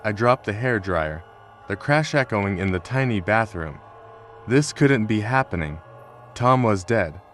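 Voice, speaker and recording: Male horror narrator, low voice, tense and fearful first-person reading. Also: lively intonation, unhurried, slight background noise.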